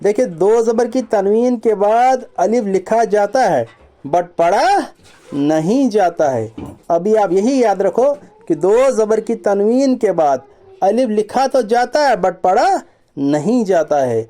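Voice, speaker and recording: A man teaching children Quran reading, reciting letter sounds slowly one by one and patiently repeating each rule, with mixed into his explanations. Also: high voice, lively intonation, mellow. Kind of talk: children's lesson, slow drilled recitation.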